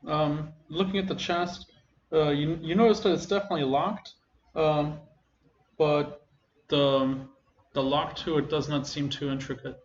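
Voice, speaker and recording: A man narrating a tabletop game as game master in a casual, halting way with many fillers. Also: on the high side, fairly even intonation, echoey room, highs cut off, a little hiss or hum.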